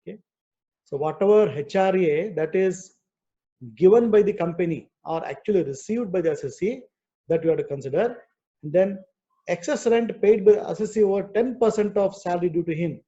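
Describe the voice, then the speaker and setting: An Indian-accented man teaches an online class, working through problems step by step in a didactic, repetitive style and frequently checking in with "okay." His voice is high, mellow, and fairly quick, and the video-call audio is dull and muffled.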